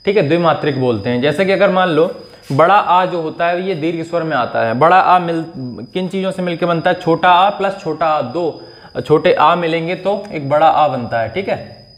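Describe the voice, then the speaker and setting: A Hindi teacher with a slightly high voice gives an exam-prep grammar lesson at a moderate pace. He explains patiently, checks in often, and draws out vowel sounds to demonstrate them.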